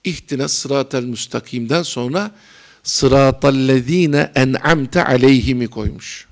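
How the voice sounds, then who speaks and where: A man's voice: a little high, fairly bright tone. A middle-aged man preaching a religious lecture, chatting with humor to his audience and building to fervent emphasis.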